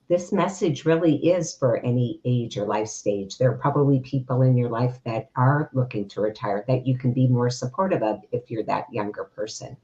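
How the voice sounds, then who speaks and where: A woman retirement coach giving earnest, steady interview answers. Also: very deep voice. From United States. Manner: earnest, steady, uses fillers. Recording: slightly dull, lo-fi.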